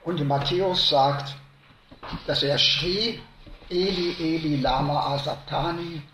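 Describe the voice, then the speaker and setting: A man preaching a sermon to a congregation, slow and emphatic, rising to loud stresses and dropping to hushed lines. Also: a little high, echoey room, a little hiss or hum.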